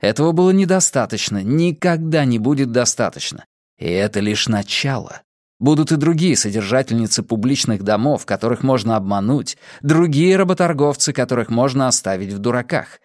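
Male audiobook narrator, mid-pitched voice, measured storytelling, dry close sound. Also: animated, darkish tone, dry recording. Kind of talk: scripted narration.

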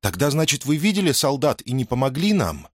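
Perceptive young heroine, played by a male narrator, soft and raised, dry booth. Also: mid-range voice, very animated, brisk, no room sound, voice pushed up. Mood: questioning. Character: young woman, gentle and perceptive companion.

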